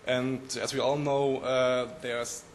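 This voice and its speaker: Male presenter, hoarse and croaky from flu, halting delivery, faint hiss behind. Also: medium pitch, little pitch movement. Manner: halting, many ums and uhs. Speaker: conference speaker. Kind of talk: technical conference presentation.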